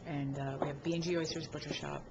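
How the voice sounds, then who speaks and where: Low-voiced woman chef. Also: little pitch movement. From Boston area. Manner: casual, halting with fillers. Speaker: chef and restaurant owner. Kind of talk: short interview answer. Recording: dull lo-fi sound with loud background noise.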